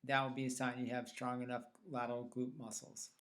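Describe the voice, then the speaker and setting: A man presents an instructional fitness tutorial in a mid-pitched voice. He explains things plainly, one step after another, as a trainer would to clients. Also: monotone, a little fast, a bit bright. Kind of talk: instructional explanation of self-tests.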